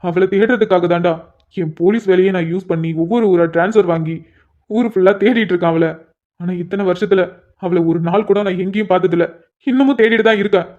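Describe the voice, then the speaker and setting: A man playing a lovesick cop in a cartoon story, pleading and stumbling over his words. He speaks high and rapid. The recording is dull and lo-fi. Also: natural voice. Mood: tearful. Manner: pleading, stammering when upset. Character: anxious lovesick police officer, brother-in-law. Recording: dull lo-fi sound.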